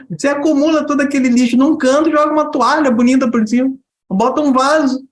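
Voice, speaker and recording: A man giving a lively spiritual talk to a group, asking rhetorical questions and briefly acting out a child and a mother. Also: very high voice, moderate pace, reverberant. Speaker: spiritual teacher.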